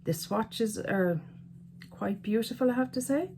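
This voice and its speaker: A woman's voice: a little high, lively intonation, a little slow, background noise. A woman chatting casually to camera as a beauty vlogger, chatty and self-mocking, often talking to herself. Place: at home by a counter.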